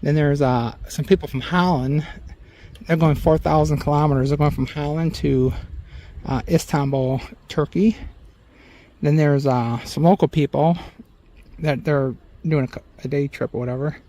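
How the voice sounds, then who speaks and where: A man's voice: on the high side, steady tone, normal speed. A man casually narrating a bike tour outdoors, chatty and rambling. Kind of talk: casual on-the-go commentary. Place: outdoors on a windy riverside bike route. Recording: loud wind and outdoor noise.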